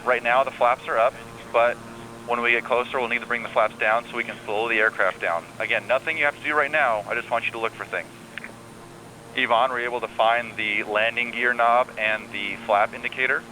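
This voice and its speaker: Bright-voiced man on air traffic control radio. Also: medium pitch, brisk, low-quality recording. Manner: calm, reassuring, step-by-step instructions. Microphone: radio transmission. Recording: air traffic radio with faint hum and noise.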